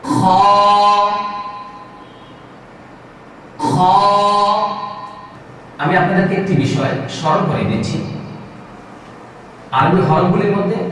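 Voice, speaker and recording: A man's voice: on the high side, slight background noise. A man from Bangladesh with a Bangladeshi Bengali accent, teaching Quran letters in a patient, repetitive way and drawing out each sound. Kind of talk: recorded recitation lesson. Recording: echoey hall, voice from a distance.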